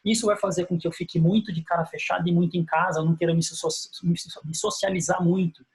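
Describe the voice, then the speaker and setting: Man explaining a lesson, slightly high voice. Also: level tone. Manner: explanatory, repeats key phrases; acts out parents' phrases slowly. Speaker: instructor. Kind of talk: explaining slides in a lecture video.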